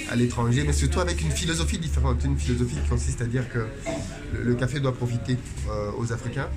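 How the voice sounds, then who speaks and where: A man hosting an interview, speaking earnestly with many hesitations. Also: mid-range voice. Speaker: interviewer and channel host. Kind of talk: opinionated introduction then interview. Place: café in Paris. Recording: loud music underneath.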